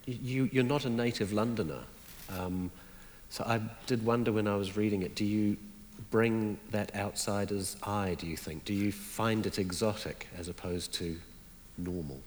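A man's voice: on the low side, fairly even intonation, normal speed, hardly any pauses, in a large hall, a little hiss or hum. A man interviewing an author, asking probing questions in a conversational way.

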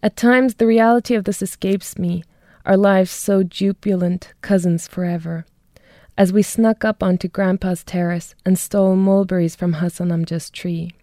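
In clean studio sound with no room sound, a young woman from Germany, a poet and guest, reads her poetry and answers interview questions about her life in a thoughtful way, with light laughs between her words. Her mid-range voice is mellow, with fairly even intonation, at a normal speed.

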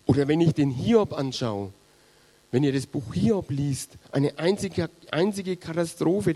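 A man delivering a sermon, earnest and pastoral, addressing his listeners directly. His voice is dark and husky, with a mellow warmth. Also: medium pitch. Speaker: preacher.

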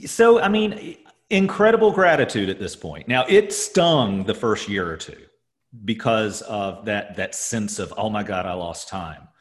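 Low-voiced man, echoey empty room. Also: lively intonation. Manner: rambling, halting, many fillers and restarts. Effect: echoey sound from an empty office. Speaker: podcast co-host. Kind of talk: casual chat. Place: empty office.

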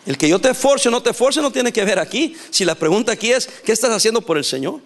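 Animated high-voiced male preacher. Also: fast talker. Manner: lively, animated preaching with laughs and acted-out quotes. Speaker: pastor. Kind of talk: sermon.

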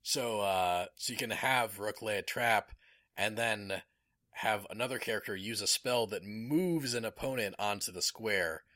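An enthusiastic man in casual podcast chat who rambles with plenty of fillers. His voice is fairly low but bright and forceful. The sound is dry and close. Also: measured pace, no echo.

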